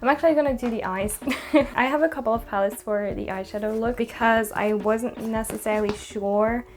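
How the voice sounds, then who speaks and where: A woman's voice: a little high, normal speed, noisy background. A woman in her twenties chatting casually through a makeup tutorial, rambling with small asides as she works. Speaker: beauty vlogger.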